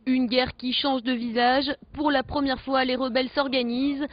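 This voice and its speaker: Newsreader woman, high voice, even measured delivery, slightly dull broadcast audio. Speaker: news narrator. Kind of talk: scripted news voice-over.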